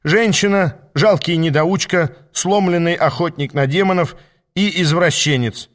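A man's voice: fairly high pitch, very animated, quick pace, a bit bright, voice pushed up. A man voicing a contemptuous, bristling male imp who scoffs at everyone. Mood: scornful.

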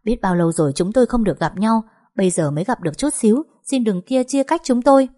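A woman's voice: mid-range voice, lively intonation, fast, warm tone, pitched above the performer's own voice, natural voice. A woman voicing an obsessive, pleading young man. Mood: desperate. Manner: desperate and clinging.

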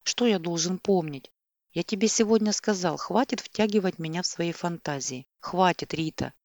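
An irritated, dismissive young man voiced by a woman reader snaps back in exasperation. She keeps it close to her own low voice, recorded dry and close. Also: normal speed, a little mellow, no echo, natural voice. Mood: exasperated.

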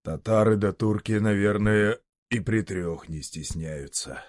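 A man's voice: lowish voice, measured pace, a little mellow, no room sound, studio quality, lightly acted. A man voicing a solid, balding male merchant who mutters in a dull, gasping way. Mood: muttering.

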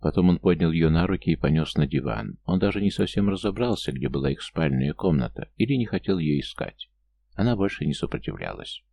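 A man reading a novel aloud as narrator in steady, measured storytelling. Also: low voice, vocal fry. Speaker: audiobook narrator. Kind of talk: scripted narration.

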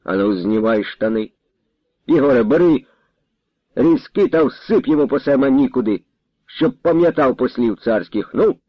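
A man voicing a stern male ataman who speaks gruffly and gives harsh orders, with a lively pitch. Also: moderate pace, no room sound, highs cut off, close to an everyday voice. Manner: gruff and commanding.

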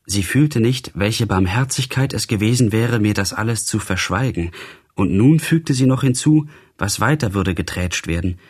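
A man's voice: on the low side, moderate pace, darkish tone, slightly rough. A man reading a literary novel in the first person, with agitated, impassioned narration.

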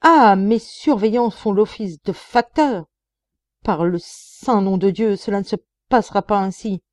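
A blustering male prison director, performed by a woman narrating an audiobook, pushing his lines out loud and high. The voice jumps all over the place, mellow underneath, and sits dry and close to the mic. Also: very animated, normal speed, no echo, distant mic, lightly acted. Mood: furious. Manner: loud, indignant outbursts. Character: irascible middle-aged male prison director.

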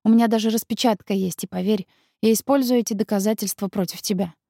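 A woman's voice: medium pitch, fairly even intonation, quick pace, gravelly, warm tone, dry recording, clean studio sound. A woman reading an audiobook, voicing a stubborn young man who threatens his rival. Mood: threatening. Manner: cold, threatening.

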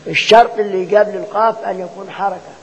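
High-voiced Egyptian man teaching in a hall. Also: fairly even intonation, quick pace, breathy edge. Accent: Egyptian Arabic. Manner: keeps asking rhetorical questions and repeating points to drill students. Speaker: Quran recitation teacher. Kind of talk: classroom lecture on recitation rules. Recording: dull lo-fi sound with long hall reverb.

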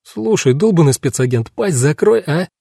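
A man voicing a sharp-tongued, defiant young woman prisoner who snaps back sarcastically. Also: mid-range voice, very animated, a little fast, no echo, clean studio sound. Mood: snappy. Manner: snapping, sarcastic.

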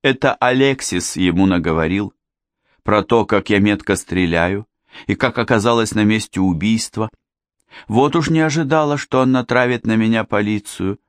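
A man's voice: fairly low pitch, moderate pace, no echo, clean studio sound, pitched above the performer's own voice, close to an everyday voice. A man voicing a theatrical young woman who insists and pleads in a melodramatic way. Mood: tearful.

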